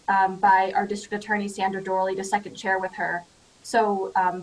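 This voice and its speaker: A woman's voice: medium pitch, rough recording. A woman in her thirties, a judicial candidate, talking about her background in a friendly way, with many "um" fillers, over a video call. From United States. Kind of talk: candidate forum answer.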